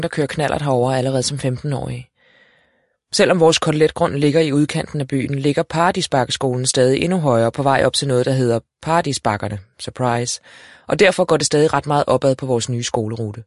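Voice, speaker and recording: A man narrating a first-person storybook in a lively, wry way. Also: mid-range voice, no echo, clean studio sound. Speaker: audiobook narrator.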